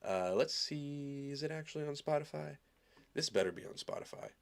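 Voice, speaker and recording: A music reaction host from Arizona reacts live to a new song, his voice fairly high, gravelly, clear and resonant, with an expressive tone at a moderate pace. His casual commentary is loose, rambling, upbeat and packed with filler, full of enthusiasm.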